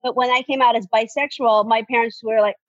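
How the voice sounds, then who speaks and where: Higher husky woman guest, reflective, dry lo-fi audio. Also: steady tone, a little fast, no echo. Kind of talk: casual conversation. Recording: dry, muffled lo-fi sound.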